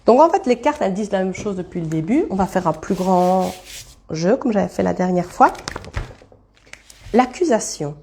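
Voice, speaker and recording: A woman's voice: medium pitch, expressive, moderate pace, long pauses, darkish tone, slight background noise. A woman giving a casual live card reading, thinking aloud as she turns cards and greeting viewers by name. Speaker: card reader streaming live.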